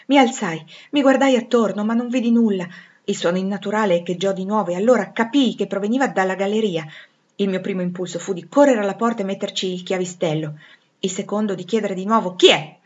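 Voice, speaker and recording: A woman reads a classic novel aloud with dramatic flair, dropping nearly to a whisper at tense moments. Her voice sits at a middling pitch. The recording sounds a bit dull and lo-fi. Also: fast talker, darkish tone. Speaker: audiobook reader. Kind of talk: expressive literary reading.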